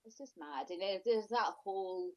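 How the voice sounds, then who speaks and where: A woman's voice: medium pitch, normal speed, darkish tone. A woman guest in a podcast interview, talking emphatically and often repeating and restarting her phrases. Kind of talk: conversational interview. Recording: lo-fi dull audio.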